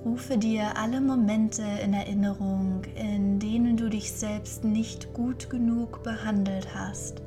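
Female meditation guide: soft breathy near-whisper, slow, level pitch, soothing. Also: fairly even intonation, music in the background. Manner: soothing, unhurried, gentle instructing. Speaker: podcast host and guided meditation leader.

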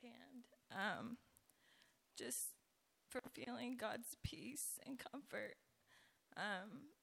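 A woman with a raspy voice giving a personal church testimony, speaking hesitantly with pauses. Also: fairly high pitch, a bit bright.

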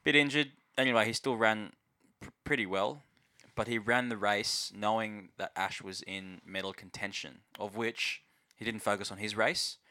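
A man's voice: lowish voice, steady tone, moderate pace, sharp tone. A man with an Australian accent talking casually about sport as a podcast co-host. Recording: close, dry podcast sound.

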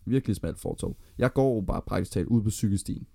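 A man's voice: fairly low pitch, gravelly, mellow. A Danish man co-hosting a podcast in casual chat, arguing his point and telling long anecdotes. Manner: argumentative, tells long anecdotes. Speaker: podcast co-host.

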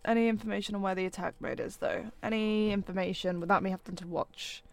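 A woman's voice: medium pitch, steady tone, fast talker, creaky, no echo. Chatty woman, dry close mic. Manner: chatty, trailing off with ums, can sound sarcastic. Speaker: podcast co-host. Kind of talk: casual chat.

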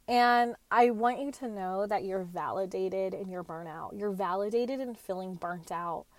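A woman's voice: medium pitch, a little slow, dry recording. A woman in her late twenties hosting a podcast, talking on her own in a chatty, earnest way with slangy asides. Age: late 20s. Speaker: podcast host. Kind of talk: casual solo talk.

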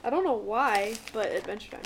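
A woman's voice: a little high, lively intonation, fairly quick, noisy background. A young woman chatting as a podcast guest, arguing her opinions in a talkative way. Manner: chatty, argumentative. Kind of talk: casual chat.

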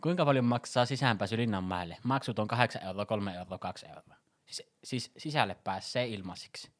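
A man hosting a casual podcast, reading out quiz questions briskly and teasing his guests bluntly. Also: lowish voice. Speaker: podcast host running a quiz.

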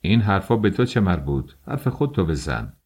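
A man's voice: sits low, big pitch swings, darkish tone, husky, heavily acted. A man voicing a stern, impatient gendarmerie captain who speaks in curt commands.

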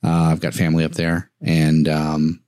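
A man, a podcast co-host, telling stories in casual chat, animated and laughing often. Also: a bass voice, moderate pace, no echo, studio quality.

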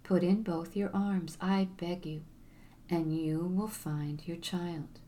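A woman voicing a kind male snake who speaks in a slow, hushed whisper. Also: lowish voice, steady tone, slight background noise. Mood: patient, earnest.

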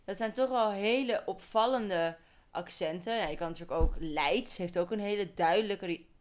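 A young woman from Holland co-hosting a relaxed podcast. She talks things through out loud, drifting into side explanations and correcting herself as she goes. Her voice sits at a middle pitch for a woman. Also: moderate pace. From Holland, Netherlands. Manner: explanatory, thinks aloud, goes on tangents. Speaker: podcast co-host. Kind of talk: casual chat.

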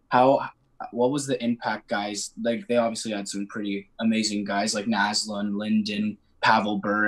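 A young male podcast host asks his guest questions in a flat, fairly low voice. He stumbles and restarts as he works toward each question. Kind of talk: casual interview questions.

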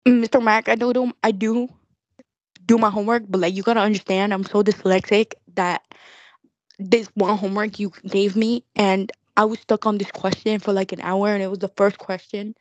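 A woman's voice: mid-range voice, little pitch movement, moderate pace, no room sound. A young woman chatting casually to an audience in an ironic, slang-heavy Gen Z manner. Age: young adult. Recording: slightly dull lo-fi close recording.

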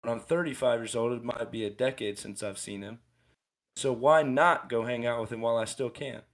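With a medium-pitched, steady voice and a brisk pace, a man in his twenties dispenses motivational advice on a casual podcast he co-hosts. It comes out as a rambling rant, with frequent restarts and self-corrections.

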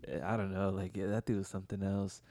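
Laid-back sounding low, mellow man chatting. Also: level tone, quick pace, dry recording, clean studio sound. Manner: rambling, slangy, profane, full of "you know". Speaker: podcast co-host. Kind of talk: casual chat.

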